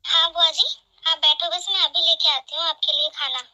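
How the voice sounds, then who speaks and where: A kind young daughter-in-law in an animated family drama who pleads gently and earnestly, as a woman plays her. Her voice is high and very bright, soft-spoken and caring. She sounds eager to help. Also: moderate pace, a little hiss or hum, full character voice, poor audio. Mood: pleading.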